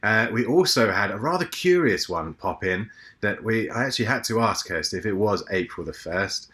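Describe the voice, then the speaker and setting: Low, bright-toned British man. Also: lively intonation, normal speed. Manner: enthusiastic, wry asides. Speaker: podcast co-host reading the news. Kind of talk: casual podcast news segment.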